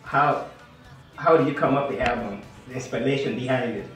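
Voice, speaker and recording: A man hosting an interview, asking questions in a halting way and repeating words. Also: medium pitch, recorded from a distance, faint music behind. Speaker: radio show host. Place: small studio room, indoors. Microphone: studio mic with headphones. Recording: very echoey room, mic set back.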